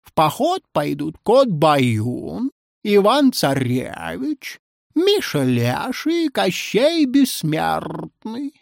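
A storyteller voicing a male cat who runs a fairy-tale school, melancholy and theatrical in a measured, dry delivery. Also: medium pitch, huge pitch swings, gravelly, darkish tone, dry recording, voice pushed up, heavily acted. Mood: stern. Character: pompous male cat deputy head in pince-nez.

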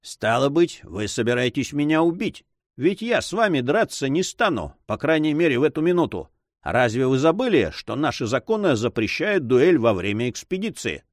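A man's voice: mid-range voice, very animated, moderate pace, no room sound, voice pushed up, close to an everyday voice. Audiobook villain: a haughty, mocking nobleman, read by a male narrator, close and dry. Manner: ironic and haughty. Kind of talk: audiobook reading.

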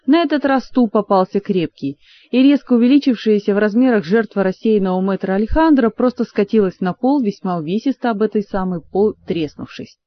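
A woman narrating an audiobook in an even storytelling manner. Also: medium pitch, fairly quick, highs cut off. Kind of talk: scripted narration.

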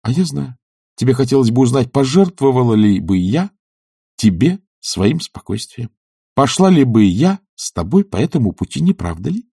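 A man reading an audiobook, voicing a proud, composed young noblewoman who speaks firmly and calmly. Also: mid-range voice, normal speed, gravelly, slightly rough, no echo, studio quality, voice pushed up, exaggerated voice. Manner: firm, calm and self-assured.

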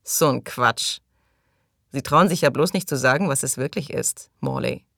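Woman reading a crude sneery guy, low voice, dry close sound, audiobook. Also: normal speed, vocal fry, a bit bright, dry recording, heavily acted. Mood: mocking. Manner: scornful, crude. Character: coarse sneering middle-aged man.

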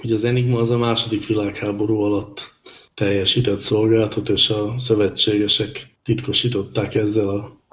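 A man co-hosting a podcast in casual tech banter, speaking in a measured, deliberate way with hesitant fillers. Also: lowish voice, little pitch movement. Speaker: podcast co-host. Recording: dull lo-fi recording with faint noise.

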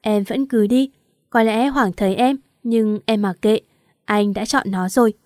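A woman's voice: fairly high pitch, steady tone, unhurried, a little mellow, dry recording, studio quality. A woman narrating a first-person romance story aloud, acting out the quarrels and tears in the dialogue. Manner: emotional, voices the quarrels and crying. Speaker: audiobook narrator.

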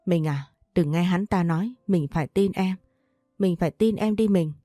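A desperate older first wife pleads with her husband, begging without pause. A woman storyteller voices her low and mellow, over a faint music bed. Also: no echo, studio quality, natural voice. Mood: pleading.

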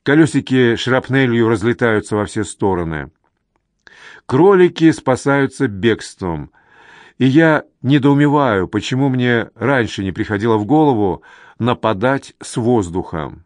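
A man narrating a novel in a measured, even reading. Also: mid-range voice, dry recording. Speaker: audiobook narrator. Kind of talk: scripted narration.

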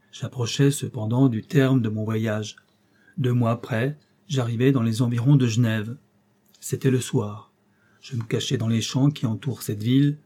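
A man reading an audiobook aloud in steady, even scripted narration. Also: mid-range voice, husky. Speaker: audiobook reader.

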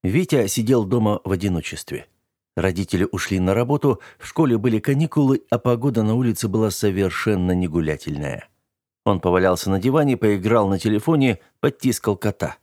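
A man with a low voice reads a funny story aloud. His delivery is lively and animated. The sound is close and dry, with no room echo. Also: a little fast. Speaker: narrator. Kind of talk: humorous story reading.

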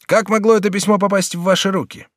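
A man's voice: high-pitched, fairly even intonation, fast talker, no echo, studio quality, voice pushed up, close to an everyday voice. A man reading an audiobook voices a kindly, easily moved middle-aged prince regent, exclaiming and questioning with raised emotion. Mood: agitated. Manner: exclaiming, warm and agitated.

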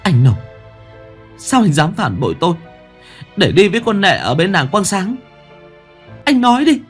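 Man doing a furious young wife, screaming, high, very lively pitch. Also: moderate pace, breathy edge, soft background music, exaggerated voice. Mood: shrieking, furious. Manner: screaming, hysterical. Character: furious betrayed young village wife, shrieking.

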